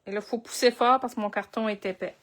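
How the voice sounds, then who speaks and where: A woman's voice: mid-range voice, fairly even intonation, quick pace, fairly bright tone, a little hiss or hum. A woman with a Québécois French accent leading a live crafting tutorial, chatting and thinking aloud as she works. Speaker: crafting instructor.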